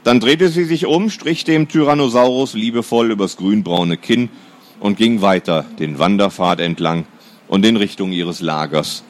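Lively male storybook narrator. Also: lowish voice, moderate pace. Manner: lively storytelling, swings between lifted and dropped tones. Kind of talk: scripted children's story narration.

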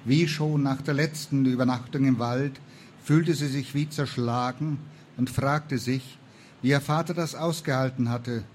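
Calm man reading a novel aloud. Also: medium pitch, a little slow, a little hiss or hum. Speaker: reader.

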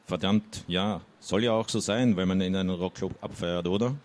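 A man reading the lines of a soft-hearted young woman who pleads and coaxes. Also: deep voice, fairly even intonation, normal speed, lightly acted. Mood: teasing.

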